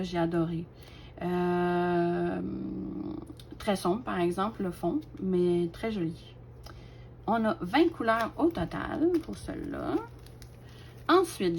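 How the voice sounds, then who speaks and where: A woman, casually showing off her craft collection, chatty and hesitant with lots of fillers and soft laughs. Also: mid-range voice, a little hiss or hum. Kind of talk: casual show-and-tell.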